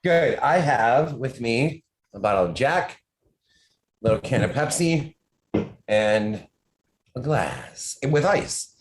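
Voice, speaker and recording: A man's voice: mid-range voice, big pitch swings, takes it slowly, long pauses, rough recording. A man who writes horror, a podcast guest talking in casual chat, rambling and restarting his sentences often.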